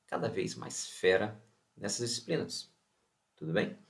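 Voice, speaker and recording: Brazilian man, online science teacher, lowish voice, keeps quizzing the viewer. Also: unhurried. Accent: Brazilian Portuguese. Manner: animated, asks rhetorical questions and answers them; opens with a Bible verse and blessing. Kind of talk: online lesson.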